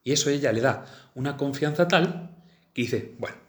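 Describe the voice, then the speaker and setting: A man's voice: medium pitch, moderate pace. A man telling a saint's life, reading passages and chatting about them with many fillers and restarts. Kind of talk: storytelling talk mixing reading and comment. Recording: roomy echo.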